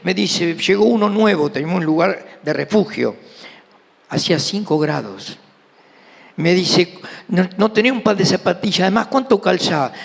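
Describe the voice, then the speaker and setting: A man's voice: high voice, normal speed, vocal fry. A middle-aged man with an Argentine Rioplatense accent preaching a sermon, telling a personal testimony and acting out the dialogue. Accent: Argentine Rioplatense Spanish. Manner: animated storyteller, acting out dialogue. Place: church hall. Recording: reverberant church hall.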